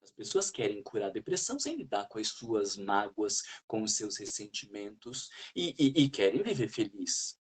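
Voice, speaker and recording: A man's voice: fairly low pitch, sing-song, normal speed, few pauses, slightly rough. A man leading a spiritual study group, talking in an earnest, reflective way and putting questions to the group.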